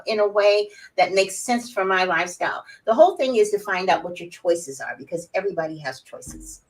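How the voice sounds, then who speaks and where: An outspoken woman in her sixties talks animatedly as an interview guest. Her voice sits at a middle pitch and sounds a little distant from the mic. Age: 60s. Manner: animated, outspoken, laughs often. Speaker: guest, wellness summit organizer. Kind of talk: casual interview chat.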